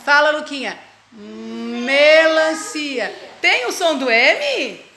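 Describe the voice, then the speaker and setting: Woman, teacher, high and animated, unhurried coaxing phonics drills; roomy echo, faint hiss. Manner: slow, drawn-out, coaxing word drills. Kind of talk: phonics lesson for young children. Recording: echoey room with faint noise.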